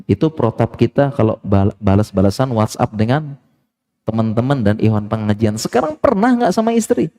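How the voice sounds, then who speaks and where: A middle-aged male Islamic preacher giving a lively sermon and acting out little everyday dialogues. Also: on the low side, moderate pace.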